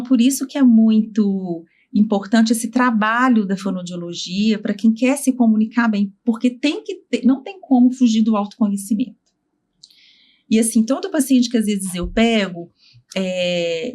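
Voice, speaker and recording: A woman's voice: medium pitch, a little mellow. A woman speech therapist being interviewed, earnestly explaining her work with examples and quoted dialogue.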